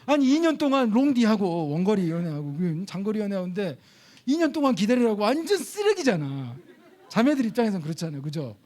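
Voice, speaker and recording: A middle-aged man with a fairly high voice preaching into a church microphone. He tells his story in an animated way, acting out each quoted line with sudden leaps in pitch. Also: a little fast. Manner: animated, acts out quoted dialogue with big pitch jumps. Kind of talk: sermon storytelling.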